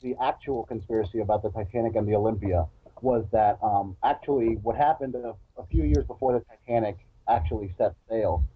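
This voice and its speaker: A man's voice: lowish voice, fairly quick, slightly rough. Blunt, swearing man on a tinny line. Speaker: co-host. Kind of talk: casual chat with call-ins. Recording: tinny phone-like call line.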